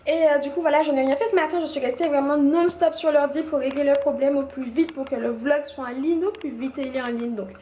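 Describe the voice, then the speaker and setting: A woman's voice: high-pitched, fairly even intonation, fast, hardly any pauses, mellow, a little hiss or hum. A young woman vlogging casually from home, chatty, with many fillers and restarts. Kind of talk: casual vlog chat. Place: at home indoors.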